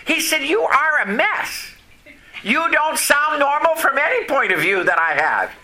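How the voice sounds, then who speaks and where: A Vermont-raised man whose first language is French preaches a folksy sermon in a high, lively voice that rises and falls with each point. He talks slowly with a bright, forceful edge, pausing between phrases and repeatedly questioning his listeners. There is slight background noise.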